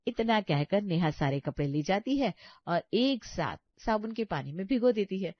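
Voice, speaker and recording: A woman's voice: mid-range voice, normal speed, no echo. Woman narrating a family story. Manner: even, storytelling. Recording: dull lo-fi sound.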